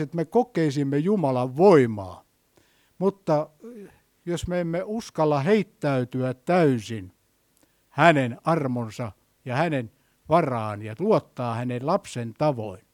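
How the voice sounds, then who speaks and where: A middle-aged man preaching a sermon, telling stories and moving between soft and loud delivery. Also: on the high side.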